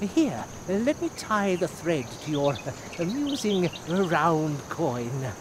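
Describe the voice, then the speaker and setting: A man's voice: fairly high pitch, sing-song, takes it slowly, background noise. A man voicing an elderly mouse merchant in a video game, with a theatrical, hammy stage-actor delivery and stammering sales patter. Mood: coaxing. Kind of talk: video game character acting.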